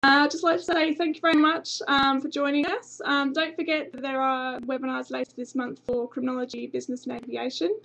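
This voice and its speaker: She talks fairly quickly with hardly any pauses, her high voice a bit bright, showing little pitch movement and some vocal fry, and the recording is low quality. This young English woman, whose accent is slightly tinged Australian, is presenting a university webinar on her desk webcam from a small office with a banner behind. She's chatty and informative and says um often.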